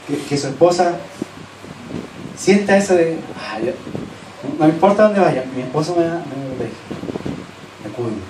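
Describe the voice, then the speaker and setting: A man with a Chilean accent preaching a sermon as pastor, earnestly urging his listeners, then dropping to soft, low asides. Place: church hall. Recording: echoey church hall, distant mic, faint hiss.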